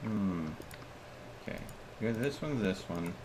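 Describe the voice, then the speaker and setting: Speaking slowly and expressively in a fairly low voice, a man streams a game and mutters casual commentary to himself as he goes, over clearly audible background noise.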